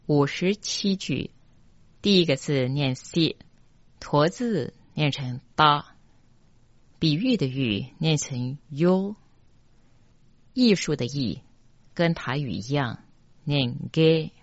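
Pronunciation tutor, unhurried and methodical, mid-pitched voice, dry close sound. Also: expressive, no echo. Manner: slow, deliberate, repeats each line syllable by syllable. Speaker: mantra chanting teacher. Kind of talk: pronunciation lesson. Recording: dull, dry lo-fi recording.

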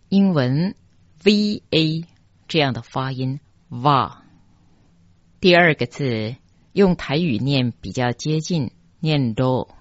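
Very slow, deliberate Taiwanese Mandarin teacher. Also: mid-range voice, no echo. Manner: deliberate, spells out and repeats each syllable. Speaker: teacher of mantra pronunciation. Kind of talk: slow step-by-step pronunciation lesson. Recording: dull, dry, lo-fi recording.

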